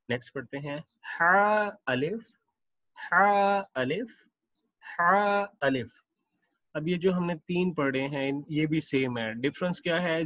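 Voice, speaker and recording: A man teaching Quran reading, explaining Arabic letters with English words mixed in and repeating each letter pair slowly and at length. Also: a little high, fairly bright tone, no room sound, dull audio.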